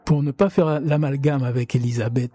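A man's voice: medium pitch, fairly even intonation, normal speed, dark tone, breathy edge, faint music behind. A man hosting an interview, speaking in a hesitant, roundabout way. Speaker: radio interviewer.

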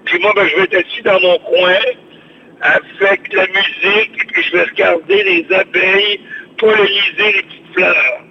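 A man's voice: high-pitched, fairly even intonation, normal speed. An older man with a Québécois French accent, chatting expansively on the radio by phone and repeating his words. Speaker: radio show host on the phone. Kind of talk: casual radio chat. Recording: dull lo-fi phone line with faint noise.

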